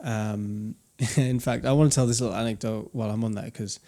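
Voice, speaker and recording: Talking a bit quickly, this young man has a warm, lowish voice with fairly even intonation. He co-hosts a podcast, musing casually and rambling with lots of restarts.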